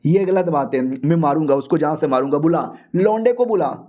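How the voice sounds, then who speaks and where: A man's voice: on the high side, a little fast, lightly acted. Man voicing a furious vengeful elder. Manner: shouting threats, bossy. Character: furious vengeful male elder, middle-aged.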